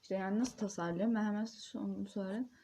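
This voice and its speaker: A woman's voice: medium pitch, fairly even intonation, fast talker, dark tone, slight background noise. A teenage girl vlogging in casual chat, ranting and complaining about school. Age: teens. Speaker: vlogger, student.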